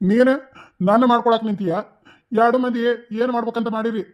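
A quarrelsome village man from a cartoon scolds bluntly, as a man acts him out. His voice sits fairly high for a man. He fires off short, gruff rebukes. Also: fairly even intonation, fairly quick. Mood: angry scolding. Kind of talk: cartoon dialogue.

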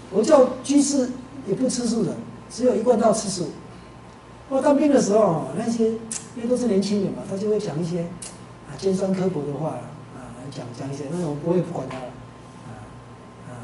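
Teacher in his fifties, chatty storytelling, recorded from a distance with background noise. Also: high voice. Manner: conversational storytelling with frequent filler syllables. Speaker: Buddhist teacher. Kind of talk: Buddhist teaching talk. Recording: roomy, distant, noisy lecture recording.

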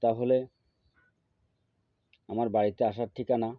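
A man's voice: level tone, no echo. Man from chanting spells over a phone line. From Bangladesh. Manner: slow, drawn-out chanting, louder and higher on the mantra. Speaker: folk healer teaching spells. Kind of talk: instructional talk with chanted mantra. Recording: tinny phone-like audio.

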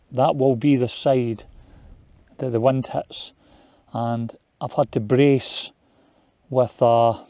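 A man in his forties talks to his camera from beside a small tent and from inside it. His manner is relaxed and matter-of-fact, an easygoing chat from someone used to camping out. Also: mid-range voice, dry recording. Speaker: outdoor vlogger. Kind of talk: casual camping vlog. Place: outdoors by a tent on moorland and inside a tent at night.

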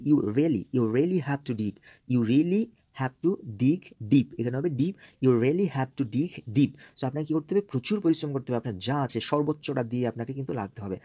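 A man teaching English by reading newspaper phrases aloud, explaining them slowly and repeating key words. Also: medium pitch, dark tone, dry recording.

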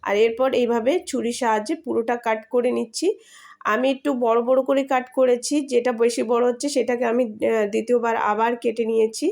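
A woman with a hoarse voice from a cold, patiently explaining a home recipe step by step in a voice-over, with frequent fillers. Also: fairly high pitch, little pitch movement, a little fast, darkish tone. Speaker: home cooking channel host. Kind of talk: cooking tutorial voice-over.

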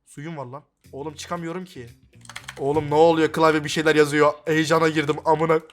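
A young man giving live commentary on his gameplay, excitable and swearing constantly, with sudden loud outcries. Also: fairly high pitch, fairly quick. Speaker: gaming YouTuber.

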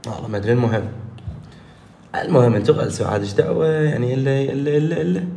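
A man's voice: medium pitch, racing, warm tone, roomy sound, slight background noise. A man with an Iraqi Arabic accent, teaching an online English grammar lesson, explaining step by step and answering his own questions.

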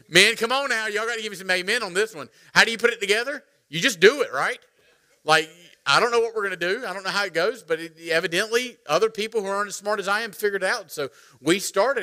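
A middle-aged man, preaching a sermon as pastor, animated and joking as he calls on the congregation. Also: high voice. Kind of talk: sermon with storytelling. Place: church sanctuary.

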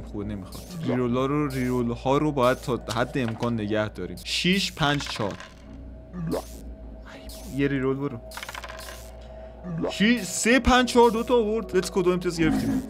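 A man's voice: mid-range voice, lively intonation. A man commentating a dice game he is playing, counting rolls aloud and swearing or cheering at the results. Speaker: gaming YouTuber. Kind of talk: casual let's-play commentary. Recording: game music behind voice.

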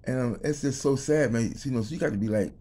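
A man's voice: medium pitch, fast, mellow. A man co-hosting a casual talk show, talking earnestly and repeating himself, tagging his sentences with "man" and "you understand me". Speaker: co-host. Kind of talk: casual chat.

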